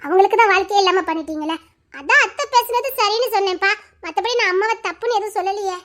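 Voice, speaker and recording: Woman voicing a grown daughter, bitter, lecturing, emotional, fast talk. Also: extremely high pitch, fairly bright tone. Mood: reproachful.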